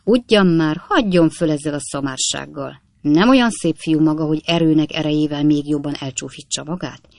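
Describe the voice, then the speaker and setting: A man voicing a blunt young male servant who talks loud and threatening. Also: fairly high pitch, animated, dry recording, clean studio sound, natural voice. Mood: gruff.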